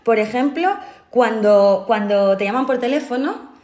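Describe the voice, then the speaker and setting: A woman's voice: a little high, lively intonation, measured pace, a little mellow. A woman, co-hosting a casual podcast chat and ranting with gusto as she acts out other people's lines. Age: 30s. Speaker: podcast co-host. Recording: roomy studio room.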